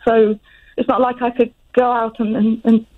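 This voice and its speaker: A woman's voice: on the high side, little pitch movement. Hesitant woman on a muffled phone line. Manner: hesitant, halting, with restarts mid-phrase. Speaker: radio phone-in caller. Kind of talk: personal account on a radio phone-in. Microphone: telephone.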